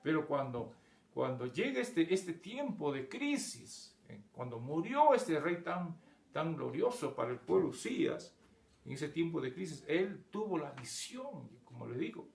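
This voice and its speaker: Gravelly preaching man in an echoey church. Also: fairly high pitch, very animated, unhurried. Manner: preacherly, repeats words, calls listeners brother. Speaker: pastor. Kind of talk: sermon.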